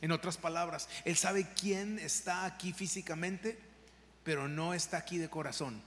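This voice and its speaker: Man, pastor, fervent sermon, sharp tone, echo of a big church, faint noise. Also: on the high side, fairly even intonation, moderate pace. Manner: impassioned, direct address to the congregation. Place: church sanctuary. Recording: long reverb of a large hall, faint background noise.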